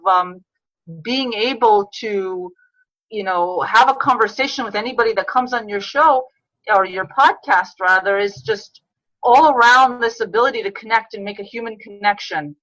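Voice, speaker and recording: A woman's voice: medium pitch, unhurried, a bit bright, no room sound, highs cut off. A woman from New York, an author being interviewed on a podcast, talking in an earnest, reflective way with frequent restarts. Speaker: author guest.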